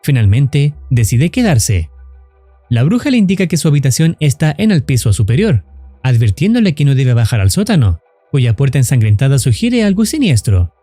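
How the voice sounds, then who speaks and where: A man delivers a scripted recap of a horror story at a moderate pace, his pitch rising and falling animatedly. The tone is bright but kept in check, the recording is dry, and soft music sits beneath his narration.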